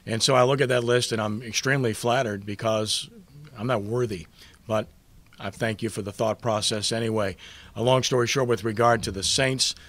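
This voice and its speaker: A man's voice: lowish voice, steady tone, normal speed. A man in his fifties from New Orleans gives a humble acceptance speech at a press conference, full of stories and thanks. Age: 50s. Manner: humble, storytelling, warm thanks. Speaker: award recipient, sportswriter.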